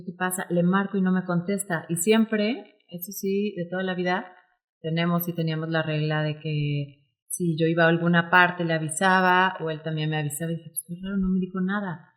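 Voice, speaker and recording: Mexican spanish woman, interview guest, forties, animated storytelling, lowish voice. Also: fairly quick. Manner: animated, acts out quoted dialogue. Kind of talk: emotional personal storytelling interview.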